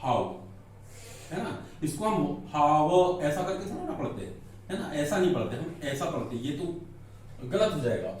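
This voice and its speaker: A man's voice: a little high, big pitch swings, moderate pace, darkish tone, slight background noise. A man teaching English grammar in a lecture, asking questions and answering them himself. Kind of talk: classroom lecture explaining in Hindi. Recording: echoey room, mic at a distance.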